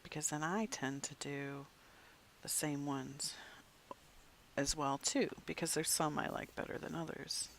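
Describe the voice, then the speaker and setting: Gravelly, chatty game streamer. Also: medium pitch, level tone, measured pace, a little hiss or hum. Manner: rambling, chatty, drops into soft muttered asides. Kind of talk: casual gameplay chat to viewers.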